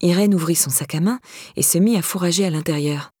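Woman, audiobook narration, husky voice, measured pace, dry close recording. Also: on the low side, mellow, dry recording. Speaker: audiobook reader.

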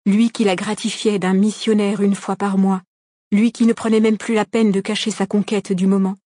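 A woman reading a novel aloud as an audiobook narrator, calm and measured, recorded on a close studio microphone. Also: mid-range voice, no room sound. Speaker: audiobook reader.

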